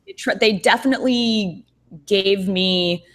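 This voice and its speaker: On a video-call podcast, a woman co-host with a mid-range voice chats casually at a measured pace, thoughtful and rambling, full of fillers and restarts.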